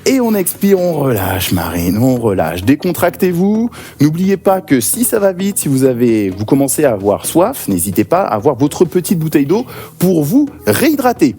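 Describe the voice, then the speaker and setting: A man's voice: fairly high pitch, normal speed, faint music behind. Upbeat male fitness coach. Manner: energetic, encouraging counting and cues. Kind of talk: guided workout class.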